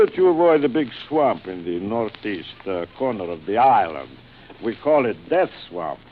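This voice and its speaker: This old, tinny, noisy radio broadcast features a male actor in 1940s style as a suave aristocratic general who gloats about hunting men for sport. His mid-range voice is lightly acted, theatrical and mock-courteous, savouring every word.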